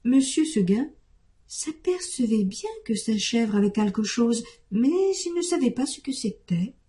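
A woman reading a storybook tale aloud in an unhurried, expressive way. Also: fairly high pitch.

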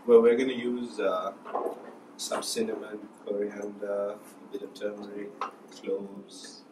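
A young man calmly explaining a recipe, listing ingredients with many ums and uhs. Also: lowish voice, slow pace. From Sri Lanka. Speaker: cook showing a recipe. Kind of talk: casual cooking demonstration. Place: small indoor room, student kitchen. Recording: echoey room, mic far off, noisy.

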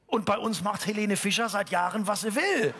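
A man's voice: high voice, moderate pace, background noise. An actor playing a desperate male gag writer, delivering an ironic satirical rant and singing a mock prayer song. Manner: earnest ranting, ironic, sings mock prayer. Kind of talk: satirical stage monologue and comic song. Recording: loud instrumental backing music.

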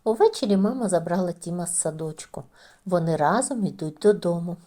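A woman narrating a children's fairy tale in an expressive, animated storytelling manner. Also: lowish voice, brisk.

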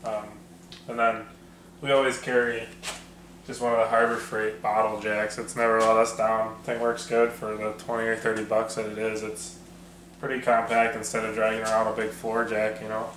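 A man casually chatting about his off-road gear, relaxed and rambling with lots of fillers. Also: fairly low pitch, normal speed. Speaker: off-road video host. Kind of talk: casual garage chat. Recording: echoey room with faint noise.

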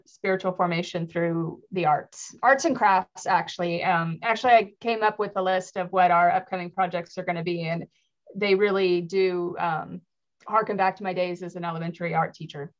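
A middle-aged woman speaking articulately as a guest on a video call, laughing easily. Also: on the low side. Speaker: guest, worshiping community leader. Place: room at home by a window. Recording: dull lo-fi call audio.

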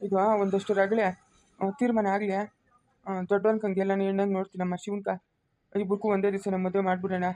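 Woman as a sorrowful old village brother, rural Karnataka accent, monotone and mellow, fast. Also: medium pitch, no echo, close to an everyday voice. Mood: resigned. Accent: rural Karnataka Kannada. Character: elderly village brother, weary and tearful. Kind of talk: village family skit acting.

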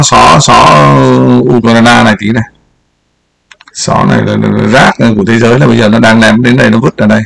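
Older man, gravelly, mid-pitched; talks through a map in a rambling, repetitive commentary. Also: fairly bright tone. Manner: rambling, repeats words, points at the map. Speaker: political commentary host. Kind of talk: casual commentary over a map.

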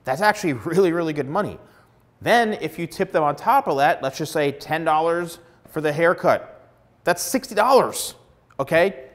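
Male stylist host, 40s, blunt and emphatic, lapel mic, slightly high voice. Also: animated, normal speed. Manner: emphatic, blunt, repeats words for stress. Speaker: hairstylist giving advice. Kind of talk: direct-to-camera advice vlog. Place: plain studio backdrop indoors.

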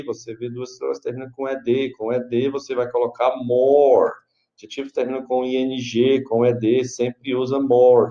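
A man's voice: mid-range voice, a little mellow, muffled recording. A man with a Brazilian Portuguese accent teaching English grammar, working through an exercise patiently and often checking in with his students. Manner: slow, patient, repeats and checks with "tá bom?". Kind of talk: explaining an online grammar exercise.

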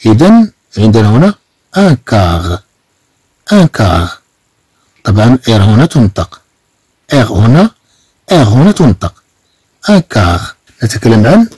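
Moroccan man slowly repeating French words. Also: mid-range voice, dark tone, husky, no echo, rough recording. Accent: Moroccan Arabic. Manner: slow, drawn-out repetition of example words. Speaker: French teacher. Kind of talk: explaining French pronunciation.

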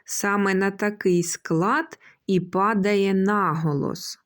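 A woman kindergarten teacher giving a slow, carefully spoken lesson for young children, drawing out syllables and calling out words to show where the stress falls. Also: mid-range voice, fairly even intonation.

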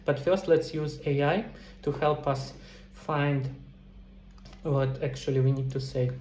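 A middle-aged indie game developer presents a casual, step-by-step video tutorial, talking directly to viewers. His voice is a little high and a little mellow, with fairly even intonation and a measured pace. He's in an indoor room, and the recording has a roomy echo and some background noise.

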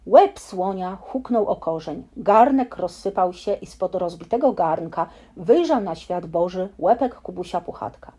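A woman reading a bedtime story aloud in a lively, expressive storytelling manner. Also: lowish voice, a little slow, hardly any pauses, slightly rough.

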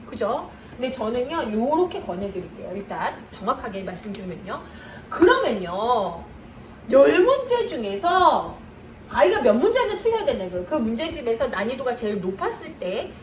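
A high-pitched, lively middle-aged woman lectures parents like a tutor, her voice swooping up and down as she presses her points. She laughs often between lines. The recording sounds echoey and a little distant, with faint noise underneath. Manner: animated, emphatic, laughs often. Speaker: math tutor coaching parents.

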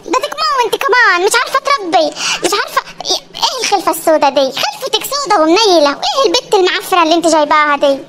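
A woman voicing a cranky, sharp-tongued old village grandmother in a cartoon, with an Upper Egyptian accent, scolding and insulting everyone around her. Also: very high voice, very animated, heavy background noise. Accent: Upper Egyptian Arabic. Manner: scolding, insulting, quick to threaten.

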